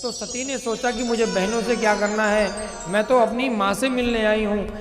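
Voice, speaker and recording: High-voiced preacher telling a holy story. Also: male voice, normal speed. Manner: expressive, chants Sanskrit verses. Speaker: katha preacher. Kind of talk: devotional storytelling sermon. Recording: long hall reverb with music.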